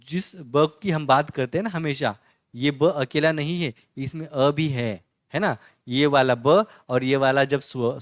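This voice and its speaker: A man's voice: medium pitch, dry recording, studio quality. A man teaching a basic Marathi lesson who repeats "isn't it?" and answers his own questions. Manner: patient, repetitive, keeps asking "है ना?" and answering his own questions; spells out each letter slowly and distinctly. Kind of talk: online language lesson, explaining letters on a board.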